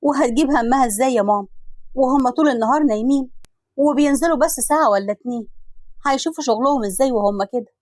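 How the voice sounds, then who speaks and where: Egyptian lady doing a hurt generous sister, emotional and pleading, quick and dry. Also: sits high, darkish tone, no echo. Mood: indignant. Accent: Egyptian Arabic. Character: generous married woman, wronged by siblings.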